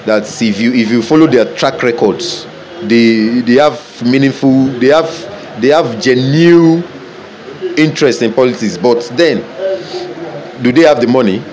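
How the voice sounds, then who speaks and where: A man's voice: medium pitch, unhurried, a little mellow, low-quality recording. Young Nigerian man, earnest interview answer. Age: young adult. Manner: repeats words while building his point. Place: seated in a shaded area outdoors. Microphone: phone held close by interviewer.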